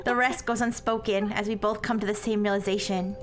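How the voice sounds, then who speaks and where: A woman voicing an earnest young woman in a paranormal romance visual novel, reading in a soft, solemn, dramatic way. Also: fairly even intonation, a little fast, soft background music, natural voice. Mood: solemn, tender. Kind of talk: visual novel read aloud. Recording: noisy, low rumble behind.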